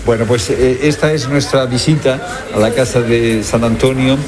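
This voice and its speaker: A man's voice: mid-range voice, moderate pace. Male radio reporter in a noisy crowd. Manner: lively, chatty, greets people warmly. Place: busy shelter indoors. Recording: loud crowd noise behind. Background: crowd chatter.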